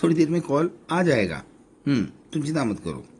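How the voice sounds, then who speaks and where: Man playing a calm, patient husband. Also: fairly high pitch, moderate pace, husky, voice pushed up, full character voice. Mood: soothing. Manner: soothing, patient. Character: calm, gentle middle-aged husband who soothes his wife.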